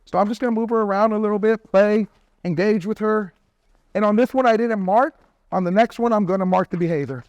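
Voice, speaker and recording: A man's voice: high voice, brisk, a little mellow, dry recording, highs cut off. A man, a dog trainer, explaining step by step how to teach a dog to bark on command, checking in with viewers as he works with his dog. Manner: upbeat coaching talk, often checks in with "right?" and "okay?"; praises and commands the dog mid-session. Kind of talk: instructional training video.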